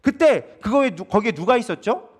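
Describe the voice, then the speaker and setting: A man's voice: extremely high pitch, normal speed, breathy edge. A male pastor preaching at a prayer meeting, asking the congregation questions and acting out dialogue as he goes. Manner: animated, asks the congregation questions and acts out dialogue. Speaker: co-lead pastor.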